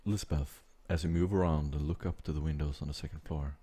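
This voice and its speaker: Very low-voiced, husky male game master. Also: steady tone, brisk, warm tone. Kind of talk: narrating a tabletop game.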